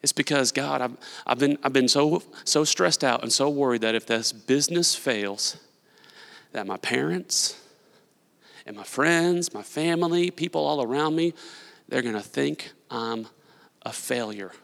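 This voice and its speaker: A male pastor delivers a sermon in a large church hall, his voice bright and edged with a gravelly fry. He moves between loud, emphatic preaching and quiet, confessional storytelling. A long reverb from the hall trails each phrase. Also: medium pitch, unhurried.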